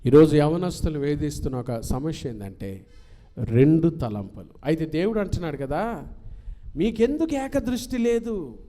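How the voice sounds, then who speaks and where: A man preaching a sermon to young people, switching between quiet asides and loud, urgent exhortation, with quick acted quotes. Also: a little high, expressive. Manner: acts out parents and youths in quick quotes. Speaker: pastor.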